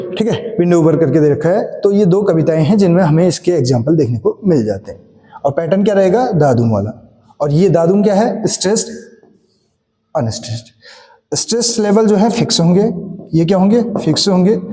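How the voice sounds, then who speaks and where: Male English-literature tutor, high voice, mellow tone, reverberant room; repetitive teacher talk. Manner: explains and repeats key points, asks and answers his own questions; mixes English terms into Hindi. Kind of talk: exam-prep lecture. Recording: echoey room with long reverb.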